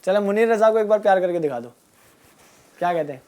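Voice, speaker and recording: A woman teaching a group of children, asking them questions and repeating their answers, and drawing out key words slowly. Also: medium pitch, expressive, dark tone. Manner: asks a question, then repeats the answer back. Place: room with children and a passed microphone.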